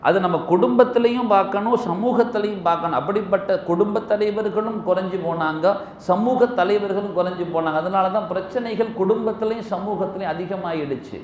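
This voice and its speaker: A man giving a mosque sermon, telling stories with swings between loud emphasis and hushed asides. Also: high-pitched, brisk, muffled recording, slight background noise. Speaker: preacher. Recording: echoey mosque with faint ambience.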